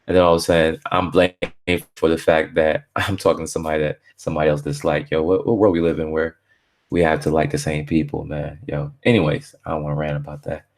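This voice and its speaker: Deep-voiced laid-back Barbadian-born man. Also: flat delivery, quick pace. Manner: laid-back slangy, lots of filler phrases. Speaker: live-stream host. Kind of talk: casual rambling live stream.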